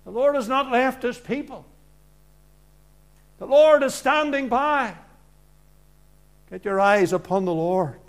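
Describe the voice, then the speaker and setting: A man preaching an evangelical sermon in earnest, deliberate short phrases, swinging from hushed lines to loud projection. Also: very high voice, expressive.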